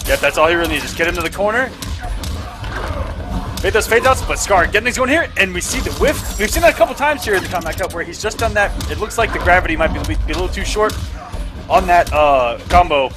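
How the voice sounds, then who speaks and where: A man's voice: high voice, lively intonation, fast. A man commentating live on a fighting game tournament as an esports caster. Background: music and game audio.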